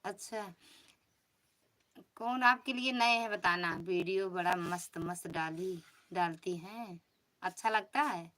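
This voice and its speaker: Awadhi woman live streamer, teasing and chatty, crisp bright voice, greets viewers one by one. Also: lowish voice, slow pace, long pauses, a little hiss or hum. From Uttar Pradesh, India. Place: home.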